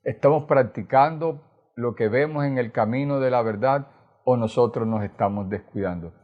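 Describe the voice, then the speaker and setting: Colombian Caribbean pastor preaching a sermon. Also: male voice, medium pitch, moderate pace, phone-quality sound. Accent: Colombian Caribbean Spanish. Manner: earnest preaching, retelling scripture with tag questions.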